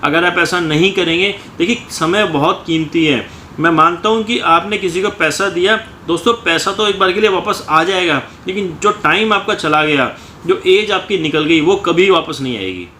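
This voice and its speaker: Repeating brief phrases and often capping them with "ठीक है", a coaching teacher gives his students a motivational talk. He speaks at a moderate pace in a high, bright, forceful voice. The recording has echo from the room and faint ambient noise.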